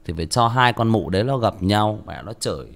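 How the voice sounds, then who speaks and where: A man's voice: on the low side, animated, a little fast, gravelly. A male audiobook narrator, tired, reading a story and then chatting casually with many restarts.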